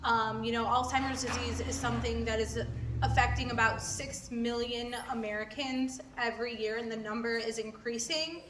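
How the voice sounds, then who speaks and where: A woman with a slightly high voice and fairly even intonation speaks at a moderate pace, giving an informal, earnest presentation to a group on behalf of a clinical trial company. The room is echoey, the mic distant, and there's background noise.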